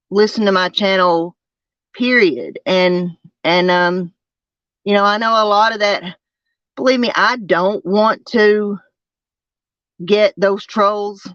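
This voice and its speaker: A person with a twangy Southern US accent, chatting casually to a livestream, haltingly and with repeated phrases. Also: medium pitch, fairly bright tone, dry recording. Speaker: livestream host. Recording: dull lo-fi sound.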